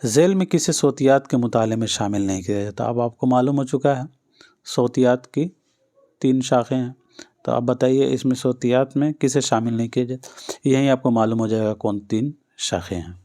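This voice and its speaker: Mellow-voiced male teacher drilling exam answers. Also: mid-range voice. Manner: patient, repeats each answer, addresses listeners directly. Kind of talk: exam-prep lesson.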